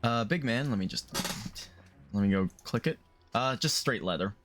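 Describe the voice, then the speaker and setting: A man's voice: medium pitch, moderate pace, noisy background. Laid-back man running a tabletop game. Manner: relaxed, laughing, swears casually. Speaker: game master.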